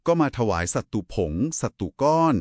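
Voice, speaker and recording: A man offers polite, instructive explanations during a conversational two-person discussion of Buddhist scripture. He speaks at a normal pace with a darkish tone, recorded dry with clean studio sound.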